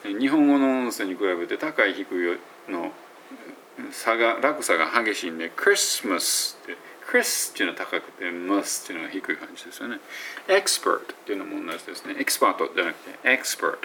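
Gravelly Kansai-accented man teaching pronunciation. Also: deep voice, expressive, fast talker, bright, forceful tone, slight background noise. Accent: Kansai Japanese. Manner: rambling, self-correcting explanations with sounded-out word examples. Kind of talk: casual spoken audio blog.

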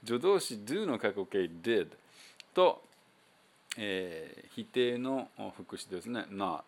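A man with a Kansai accent giving a casual spoken English pronunciation lesson as the show's host, chatty and loose with many fillers, slowing down to demonstrate sounds. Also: fairly low pitch, sing-song. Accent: Kansai Japanese.

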